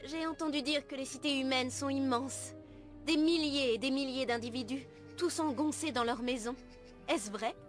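A woman playing an earnest, gentle young elf apprentice in a video game, speaking formally and in measured, literary phrases. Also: high-pitched, close to an everyday voice. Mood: curious. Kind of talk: video game dialogue acting. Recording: music behind the voice.

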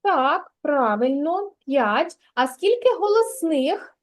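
Sounding out words for a child, a preschool teacher with a Ukrainian accent gives a patient, slow-paced literacy lesson. She has a high, expressive voice.

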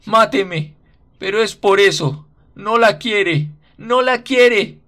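A man voices a desperate young boy in a radio story. He wails high and strained, pleading in anguish, his voice pushed far above the narrator's own low tone. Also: takes it slowly, sharp tone, exaggerated voice.

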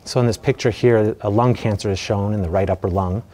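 An American man in his thirties giving a measured, explanatory medical lecture, his voice slightly muffled by a mask over his mouth. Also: on the low side, fairly even intonation, dark tone. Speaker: radiation oncologist giving a lecture. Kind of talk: educational medical presentation. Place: indoor presentation room. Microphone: lapel mic.

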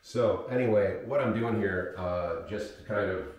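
A photographic printmaker livestreams from his home darkroom, where there's a sink, chatting casually in a rambling, apologetic way with lots of fillers. His wireless mic failed, so the camera's built-in mic picks up a heavy, booming room echo. His voice is a little slow and darkish, with the highs cut off.

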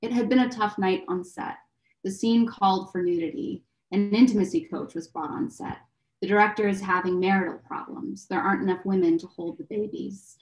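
A woman in her thirties from California, a poet reading her work in a calm, measured way from her home over a video call. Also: medium pitch. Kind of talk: poetry reading. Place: home room with bookshelves. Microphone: laptop webcam mic, video call. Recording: roomy video-call audio.

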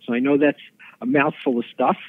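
Lawyer guy rattling off legal stuff, lots of uhs, husky voice, sounds like a phone call. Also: medium pitch, fairly even intonation, no room sound. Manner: fast explanatory talk with many fillers and restarts. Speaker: attorney guest. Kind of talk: podcast interview explaining law. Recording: tinny phone-like line.

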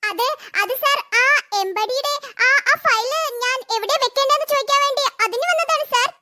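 A performer gives a heavily acted, bright, forceful voice at normal speed to a cartoon's jealous, scheming young office woman. She pleads sweetly with her boss while plotting in low, muttered asides.

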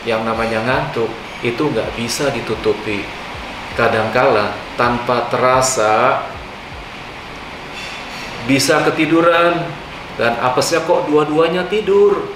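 An older man, a channel host, explaining aviation incidents to the camera in an animated way, often dropping English aviation terms into his talk. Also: mid-range voice, slow pace, long pauses. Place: living room on a leather sofa, indoors. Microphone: far camera mic. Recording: echoey room, distant mic, hum.

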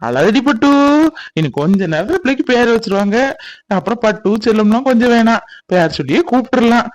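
A voice actor playing a fond young uncle and father in a cartoon, coaxing a crying baby with lively baby talk. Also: mid-range voice, fairly quick, dry recording, natural voice. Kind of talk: cartoon voice acting.

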